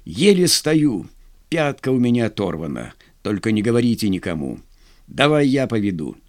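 A man's voice: lowish voice, sing-song, normal speed. Man voicing a bold wounded naval lieutenant. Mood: strained. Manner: shouting commands. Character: wounded, fearless young male naval lieutenant. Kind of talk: audiobook character voice.

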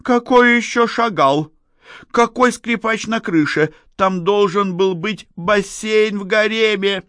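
Male reader playing a hot-tempered woman, pitched up, shrill, audiobook. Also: huge pitch swings, takes it slowly, no echo, clean studio sound, heavily acted. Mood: shrieking. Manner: shrill, shouting. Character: agitated woman, middle-aged, quick to shout.

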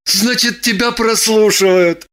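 A woman voicing an excitable, suspicious man with agitated exclamations. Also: medium pitch, unhurried, natural voice. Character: excitable, suspicious young-ish man, her lover.

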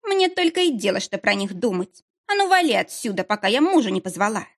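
A woman's voice: medium pitch, very animated. A woman reading an audiobook, voicing a hostile, coarse woman of about forty who sneers and draws out her words. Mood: hostile sneering. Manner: snarling, drawn-out sneering. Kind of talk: audiobook character voice.

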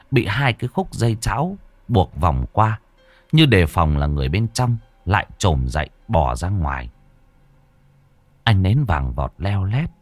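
A man's voice: low voice, dry recording. Suspenseful male storyteller. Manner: dramatic, suspenseful. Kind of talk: horror story narration.

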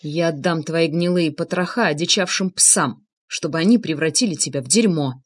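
A woman's voice: sits low, moderate pace. A woman voicing a harsh, contemptuous ex-soldier. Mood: furious. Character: hardened former paratrooper man, angry and blunt.

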